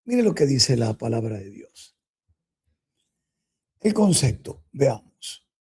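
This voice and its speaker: A man's voice: mid-range voice, sing-song, slow pace, mellow, slightly rough. A man preaching a Bible teaching, emphatic and full of rhetorical questions to his listeners. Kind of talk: sermon-style Bible teaching.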